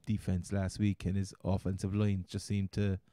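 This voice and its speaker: A man's voice: low voice, monotone, moderate pace, mellow, no room sound, studio quality. An Irish man with a Cork accent hosting a casual sports chat, rambling and often repeating his words. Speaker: podcast host. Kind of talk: casual chat, fantasy football commentary.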